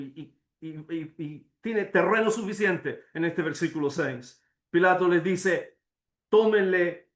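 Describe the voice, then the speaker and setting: A man with a high voice preaches slowly and emphatically, stacking phrase after phrase. His sermon rings through an echoey church room.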